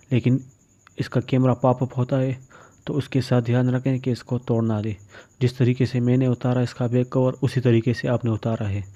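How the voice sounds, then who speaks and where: A man narrates a phone repair tutorial, giving plain, matter-of-fact step-by-step instructions. His voice is medium-pitched and warm, though the recording is dull, muffled and lo-fi.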